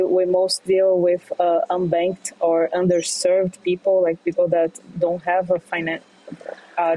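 Heard through a rough recording, this fairly low-pitched woman is a Brazilian fintech entrepreneur in her thirties being interviewed in English. She hesitates often, filling her answers with fillers, restarts and gentle laughter.

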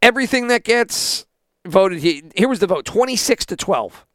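A man's voice: high-pitched, lively intonation, moderate pace, fairly bright tone, dry recording, clean studio sound. A man hosting a sports podcast, ranting indignantly and sarcastically, with plenty of swearing. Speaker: podcast host.

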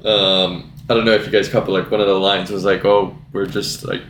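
A man's voice: low voice, flat delivery, brisk, a bit bright. A man chatting casually about a film on a podcast, giving hesitant answers and short agreements. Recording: roomy echo with faint noise.

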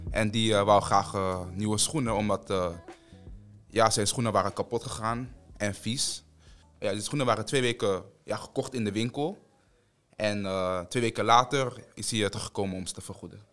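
A young male student telling a story from his internship in a halting way, with many fillers. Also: fairly low pitch, fairly even intonation, fairly bright tone, faint music behind. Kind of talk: casual storytelling.

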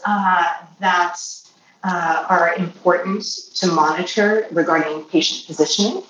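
A woman, a native Polish speaker from Poland or a Polish-speaking family, answers interview questions conversationally as a guest who works in healthcare. Her voice is medium-pitched and fairly bright. The recording sounds roomy and distant, with the mic far off and faint noise.

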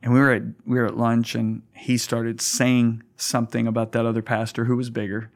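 A man's voice: mid-range voice, completely flat delivery, a little fast. Earnest stammering man telling stories. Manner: earnest storyteller, many stammered restarts. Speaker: guest pastor. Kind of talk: conversational interview.

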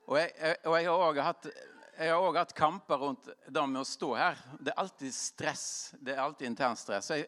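A man with a medium-pitched, slightly bright voice gives an informal, sermon-style talk to a live audience. He rambles and pokes fun at himself, laughing often and using many fillers and restarts.

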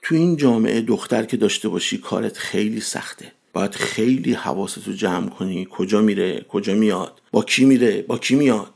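A man voicing a stern, gruff old retired army colonel who barks orders and lectures gravely. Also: fairly low pitch, few pauses, darkish tone, pitched below the performer's own voice.

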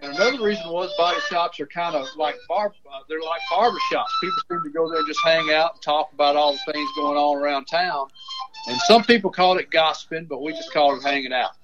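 A man's voice: on the high side, fast, music in the background. Older man on muffled speakerphone. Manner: rambling, restarts often. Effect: heard over a phone speaker. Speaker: author and storyteller. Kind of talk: folksy storytelling.

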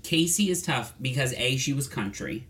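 A man chats casually on a podcast about pop albums and concerts. He rambles, restarts his sentences and leans on fillers like "like" and "um." His voice sits at an ordinary middle pitch. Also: lively intonation, moderate pace, a bit bright. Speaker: podcast co-host.

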